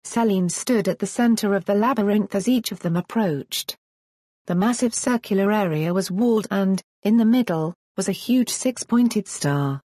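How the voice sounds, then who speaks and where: Woman narrator, husky, dry close sound, measured storybook reading. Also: medium pitch, mellow, no room sound. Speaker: audiobook narrator.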